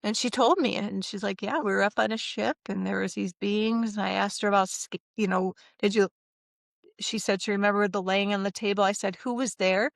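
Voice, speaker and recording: A middle-aged woman recounting a personal experience in a casual interview, animated and acting out what others said, with frequent laughs. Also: medium pitch, brisk, gravelly, no echo, clean studio sound. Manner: animated, acts out quoted voices, laughs often. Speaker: interview guest.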